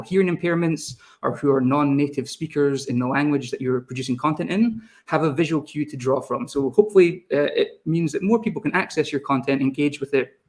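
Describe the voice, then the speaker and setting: Presenting a live webinar online, a young Scottish video team lead speaks fast and responds to people in the chat. His voice is a little high.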